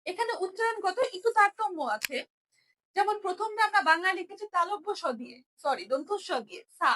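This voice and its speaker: A woman's voice: very high-pitched, expressive, a little fast, sharp tone, a little hiss or hum. A young woman teaching a Japanese writing lesson, explaining each stroke patiently and repeating every sound.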